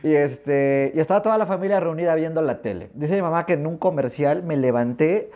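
Mexican guy in his middle years, animated storyteller, does all the voices in his anecdotes. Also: a little high, fairly quick. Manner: animated, acts out remembered dialogue. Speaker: guest. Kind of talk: storytelling in an interview.

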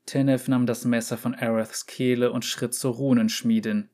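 A man narrating a short story as an audiobook, steady and even. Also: mid-range voice, normal speed. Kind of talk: audiobook reading.

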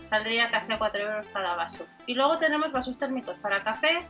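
Bright, high-voiced Spanish woman presenting products. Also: expressive, fast talker, soft background music. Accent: Spain. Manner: reads out specs and prices item by item. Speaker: host of a shopping video channel. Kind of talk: product rundown voice-over, informal commentary.

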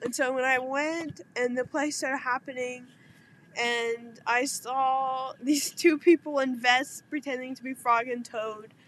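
Young woman, high pitch, casual storyteller, light background noise. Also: a little slow. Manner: animated storytelling, acts out quotes. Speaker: podcast co-host. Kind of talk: casual chat.

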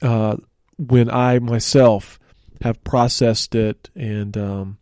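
A man hosting a church podcast, speaking in a relaxed, conversational way with frequent fillers, recorded in a studio. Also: medium pitch, slow, smooth, dry recording. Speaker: church ministry host. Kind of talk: casual church podcast teaching.

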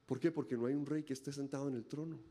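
A man's voice: medium pitch, steady tone, racing, dark tone. A male pastor preaching a dramatic sermon, acting out voices and firing off rhetorical questions.

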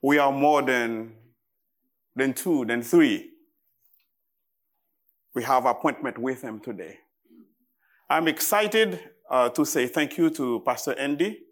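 As a guest preacher, a Haitian man with a Haitian accent delivers a sermon to a congregation. He speaks at a middle pitch and unhurriedly, laying out short phrases deliberately with halting pauses.

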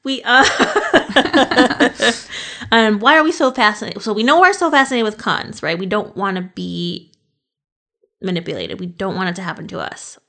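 A woman's voice: mid-range voice, moderate pace, sharp tone. A woman hosting a podcast, chatting casually about con artists, laughing often and swearing now and then. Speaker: podcast host.

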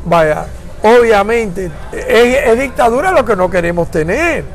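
Older man, high and gravelly, emphatic interviewee on an outdoor street with faint music behind. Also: animated, a little slow. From Florida, United States. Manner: emphatic, searching for words, mixing in English. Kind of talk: conversational interview.

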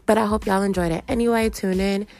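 A woman's voice: mid-range voice, fairly even intonation, quick pace, a little mellow. A woman hosting a podcast, speaking informally and with slang straight to her listeners. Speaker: podcast host. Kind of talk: casual sign-off to listeners. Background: music.

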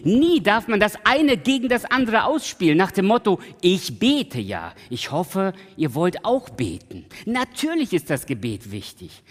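A man preaching a sermon in a church, swinging from loud emphatic peaks to soft pleading and slowly repeating a refrain. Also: high-pitched. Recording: long hall reverb.

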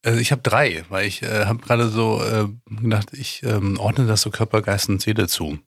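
A man's voice: fairly low pitch, steady tone, normal speed, vocal fry, husky, dry recording, studio quality. A man co-hosting a podcast, talking reflectively with many fillers and hesitations. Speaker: podcast co-host.

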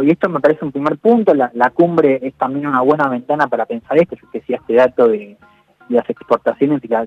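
Man, radio analyst; measured and thinking aloud, dull dry line. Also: fairly high pitch, no echo. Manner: measured, analytical, peppers speech with "digo". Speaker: political analyst. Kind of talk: radio interview commentary.

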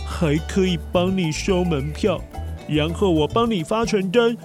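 An eager little cartoonish puppy played by a man in a children's audio story speaks in a very high-pitched voice. The pup is helpful and full of exclamations, with faint music behind. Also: unhurried. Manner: bright-eyed, exclaiming, eager to help.

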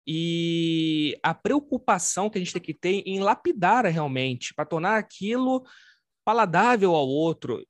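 An expansive man with a Carioca accent and a fairly high voice hosts a podcast chat. His talk is lively and demonstrative, and the recording is dry and close with no room sound. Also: no echo. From Rio de Janeiro, Brazil. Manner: expansive, talks with his hands. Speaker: podcast host. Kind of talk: casual podcast conversation.

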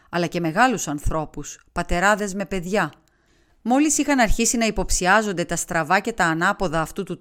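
A woman reading a literary short story aloud as an audiobook narrator, with a steady storytelling delivery. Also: fairly low pitch. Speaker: audiobook reader.

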